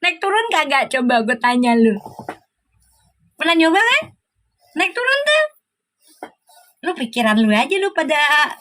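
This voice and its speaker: Middle-aged female live-stream host, Sundanese-flavored Jakarta accent, high voice, teasing banter. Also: big pitch swings, a little slow, long pauses, fairly bright tone, a little hiss or hum. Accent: Sundanese-flavored Jakarta Indonesian. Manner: teasing, laughing, playful banter. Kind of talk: casual live-stream chat with viewers.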